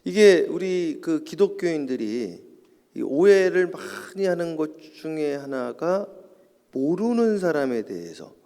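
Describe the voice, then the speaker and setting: A middle-aged man preaching an early-morning sermon in a church, telling stories and building to emphatic points. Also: on the high side. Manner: storytelling, rising to loud emphatic preaching. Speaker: pastor. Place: church sanctuary. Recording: echoey church hall.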